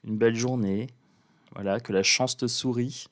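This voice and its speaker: A man, a card reader, chatting casually to his viewers while presenting an oracle deck, calm and playful in a sleepy morning voice. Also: mid-range voice, normal speed.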